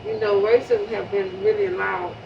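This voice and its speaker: A woman's voice: mid-range voice, moderate pace, creaky. Lady remembering a neighbor, earnest, keeps restarting, muffled recording with noise behind. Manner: earnest, repeats and restarts words. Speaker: public housing resident remembering a neighbor. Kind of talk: emotional spoken remembrance. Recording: distant mic, muffled sound, steady background noise.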